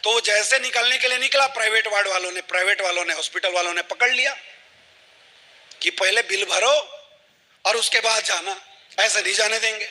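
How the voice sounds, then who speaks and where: A man's voice: high voice, brisk, bright, forceful tone, long reverb tail. A man giving a motivational talk to a live audience, telling a story and asking the audience rhetorical questions. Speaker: motivational speaker.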